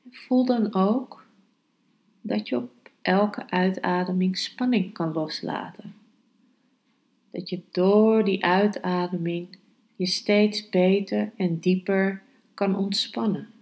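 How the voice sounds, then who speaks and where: A woman speaks as a yoga podcast host and meditation guide. Her delivery is calm, instructional and markedly slow, with unhurried pauses. Her voice sits at an average pitch for a woman.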